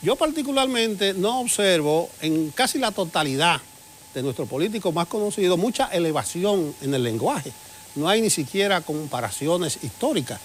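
A man's voice: high-pitched, expressive, moderate pace, a little hiss or hum. A man hosting a morning television interview, asking probing, conversational questions. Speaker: TV interviewer host.

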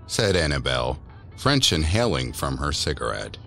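This audio-drama storyteller, a man, delivers a scripted spooky tale about teens in an exaggerated, rumbling low voice that is sing-song, creaky and a bit bright. He keeps a moderate pace and a measured, eerie mood, with music beneath him.

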